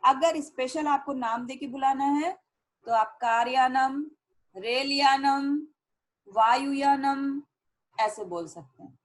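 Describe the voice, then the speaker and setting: A woman teacher explaining a language lesson, reading each sentence and then repeating its meaning slowly and clearly. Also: sits high, poor audio. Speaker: Sanskrit teacher.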